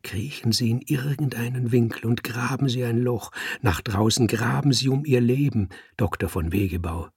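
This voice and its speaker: A man voicing an expedition artist giving hushed, urgent warnings in a storybook reading. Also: mid-range voice, moderate pace, hardly any pauses, husky, no echo, clean studio sound, pitched above the performer's own voice.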